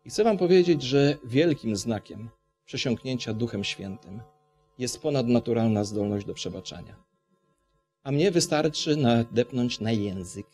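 A man's voice: medium pitch, expressive, a little slow, warm tone, faint music behind. A man from Poland preaching a sermon, passionate, asking the congregation rhetorical questions.

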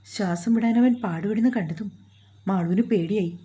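A woman reading a dramatic short story aloud in a calm, measured way. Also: medium pitch, lo-fi sound.

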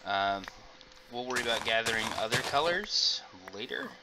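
Animated and speaking at normal speed in a mid-range voice, a middle-aged man chats with his viewers while playing a game. It's loose, rambling let's-play talk from a gaming host, captured on a noisy home microphone.

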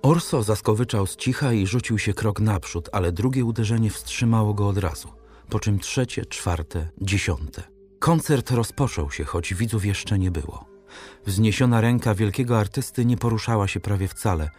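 A man narrating a classic novel as an audiobook, reading in a measured, dramatic way. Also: fairly low pitch, a little mellow, soft background music. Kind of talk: scripted literary narration.

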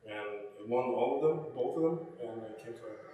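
A man from Lithuania speaks with a Lithuanian accent in a relaxed, direct way, chuckling now and then. His voice sits in a middle range. He sounds distant, in a strongly echoing gym space. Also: mid-range voice, fast, phone-quality sound, a little hiss or hum. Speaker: podcast guest. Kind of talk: casual interview chat. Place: indoor gym, lounge area. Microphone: far camera mic. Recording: echoey gym room from far off.

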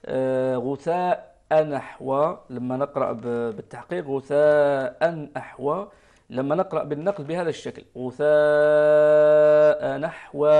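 A man's voice: on the high side, darkish tone. A man with an Algerian Arabic accent, a Quran recitation teacher patiently correcting callers' recitations on a live broadcast. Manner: patient, explanatory, demonstrates pronunciation.

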